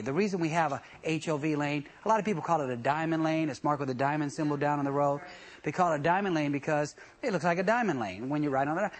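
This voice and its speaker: A man teaching a traffic school course in a jokey, laughing lecture style. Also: a little high. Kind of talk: joking classroom lecture.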